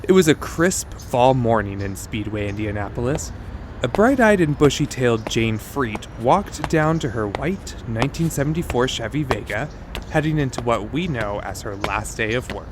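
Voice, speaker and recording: A man narrating a true-crime story as host in a lively, conversational storytelling manner. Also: moderate pace, noisy background. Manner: lively conversational storytelling with wide pitch swings.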